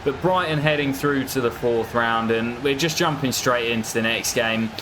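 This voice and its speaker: A man's voice: medium pitch, normal speed, noisy background. A man giving commentary over his own football video game career, breaking into exasperated outbursts when things go wrong. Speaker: gaming YouTuber. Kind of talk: gameplay commentary.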